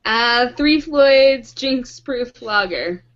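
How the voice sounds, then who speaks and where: A woman's voice: on the high side, expressive, extremely slow, fairly bright tone, muffled recording. A woman co-hosting a casual podcast chat, giggly and chiming in briefly.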